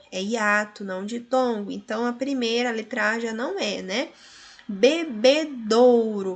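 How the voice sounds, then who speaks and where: Slow-speaking Brazilian woman teacher. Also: fairly high pitch, a bit bright. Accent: Brazilian Portuguese. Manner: slow, drawn-out words, tag questions like né and tá. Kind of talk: recorded class lesson.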